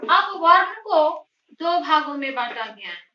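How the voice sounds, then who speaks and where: Female teacher, high and bright, unhurried, talks through the lesson question by question; off-mic, echoey, muffled lo-fi recording. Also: very animated, distant mic, noisy background. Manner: slow, deliberate explaining, posing questions to the class and answering them. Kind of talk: classroom grammar lesson. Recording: roomy, dull lo-fi sound, voice from off the mic.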